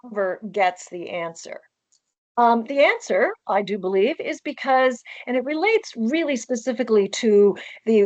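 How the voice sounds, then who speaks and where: A woman's voice: on the high side, a little mellow, no echo. An older woman with a soothing transatlantic accent and an elegant old-Hollywood way of speaking, answering questions as a guest on a video call. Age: older, 60s or above. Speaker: guest author and presenter. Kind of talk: conversational question-and-answer on a webinar. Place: book-lined room at home, on a video call. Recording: dull, lo-fi video call audio.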